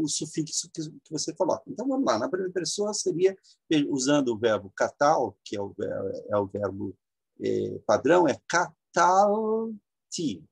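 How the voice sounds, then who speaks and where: A man from Brazil, teaching a slow, halting lecture with many fillers and drawn-out example words. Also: a little high, vocal fry, husky, no echo. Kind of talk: classroom lecture.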